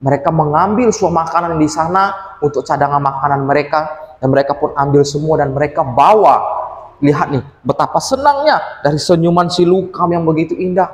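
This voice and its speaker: Guy telling a kids' story in a church, fairly high voice, lots of hall echo. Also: brisk. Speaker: children's storyteller. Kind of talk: storytelling for children. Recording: echoey hall.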